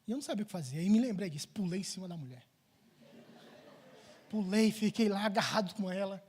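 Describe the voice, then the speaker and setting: A middle-aged pastor preaches in church, his voice sitting high for a man with a husky, breathy edge. He tells a personal story with lively swings between loud, urgent passages and soft, hushed ones. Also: fast talker. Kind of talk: sermon.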